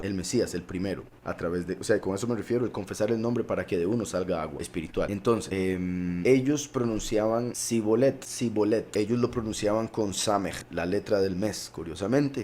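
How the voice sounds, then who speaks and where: A man's voice: fairly low pitch, darkish tone, slight background noise. A man with a Costa Rican Spanish accent preaching a sermon, explaining scripture step by step and repeating key words for emphasis.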